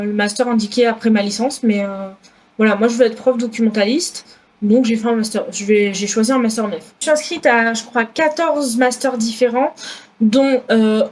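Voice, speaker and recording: A woman's voice: a little high, normal speed. A woman in her twenties with a southwest French accent, talking casually in a vlog, chatty with many fillers and self-corrections. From France. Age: 20s. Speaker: student vlogger.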